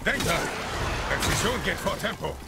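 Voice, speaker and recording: A man playing a stern, terse, commanding warrior father with a gravelly voice in a video game. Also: high voice, animated, normal speed. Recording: loud game music behind.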